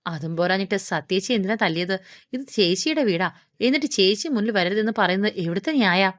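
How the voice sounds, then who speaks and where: A woman voicing an outspoken, sharp-tongued teenage girl with quick, indignant retorts. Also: medium pitch, animated, no room sound, natural voice.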